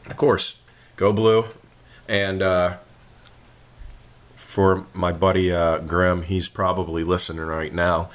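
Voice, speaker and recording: A podcast host with a very deep, hoarse, worn voice runs a casual, laid-back sports chat, joking with his co-host as he goes through the games. His tone is level and his pace slow, with frequent pauses.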